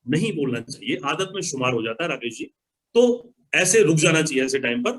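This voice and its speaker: A man's voice: a little high, expressive, brisk, crowd noise, low-quality recording. A man giving motivational advice to an online audience, emphatic and repeating key phrases. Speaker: motivational speaker answering questions.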